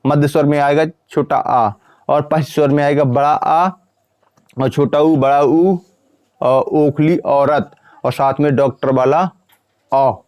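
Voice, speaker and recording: A man teaching a grammar lesson, asking questions and answering them himself, repeating each point and sounding out vowels slowly. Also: on the high side, steady tone, darkish tone, no echo, clean studio sound.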